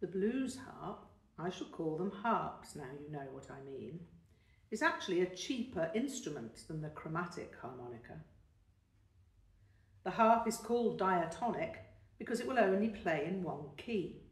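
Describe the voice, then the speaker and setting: A woman's voice: on the low side, sing-song. A woman reading the part of a patient older man who teaches music, explaining carefully and encouraging his young pupil. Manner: measured, explanatory, gently encouraging. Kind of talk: audiobook character voice. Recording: roomy, distant mic.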